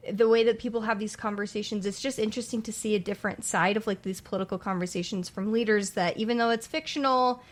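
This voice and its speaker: A woman in her twenties, co-hosting a podcast in casual chat, rambling and searching for words as she talks. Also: mid-range voice. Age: 20s. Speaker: podcast co-host.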